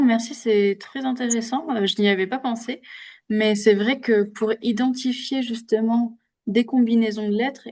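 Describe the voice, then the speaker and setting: A woman's voice: medium pitch, dark tone. A woman presenting and moderating an online teacher workshop over a video call, speaking hesitantly with many filler sounds. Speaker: webinar presenter.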